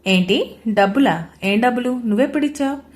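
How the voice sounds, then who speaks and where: A woman voicing an arrogant, teasing young husband in a loud, taunting way. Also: mid-range voice, moderate pace, close to an everyday voice. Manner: louder, taunting delivery.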